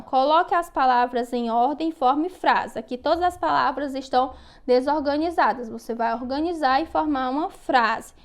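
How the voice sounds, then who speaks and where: A woman teacher patiently explaining worksheet exercises to young children, often checking in as she goes. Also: high voice. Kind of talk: online lesson walking through worksheet exercises.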